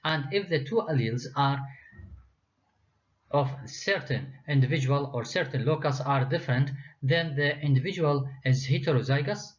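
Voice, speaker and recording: A man lecturing university students, reading his slides with frequent hesitations and restarts. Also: medium pitch. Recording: dull lo-fi lecture recording.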